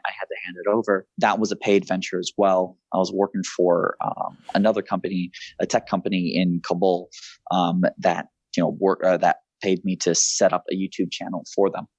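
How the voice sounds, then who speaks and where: The recording has its highs cut off and no room sound, carrying the low-pitched voice of a veteran turned freelance writer in his thirties. Having grown up in Southeast Asia, he answers his interviewer thoughtfully and measuredly, often restarting and filling pauses.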